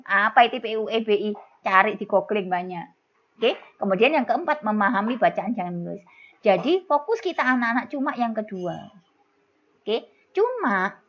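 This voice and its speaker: A middle-aged woman with a Javanese accent and a fairly high voice teaches an exam-prep lesson. She talks in a chatty, teasing way and keeps calling her students kids. The recording sounds dull and lo-fi. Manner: chatty, scolding-playful, calls students "kids".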